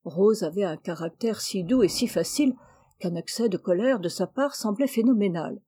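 A woman narrating a classic novel aloud as an audiobook in a measured, gentle storytelling manner. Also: mid-range voice, animated, husky.

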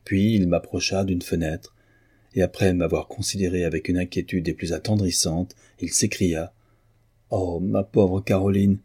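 A man narrates a classic novel in a measured, expressive way. His voice sits very low, with a dark, mellow tone and a husky edge. The reading is steady and unhurried. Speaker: audiobook reader. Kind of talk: scripted narration.

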